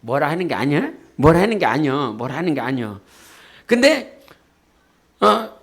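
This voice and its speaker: Pastor guy preaching, highish voice, keeps asking the crowd stuff and gets them shouting along. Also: moderate pace, gravelly, husky. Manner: animated, leads the congregation in shouted declarations; often asks the congregation "예?" and talks to them directly. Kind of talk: sermon. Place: church sanctuary.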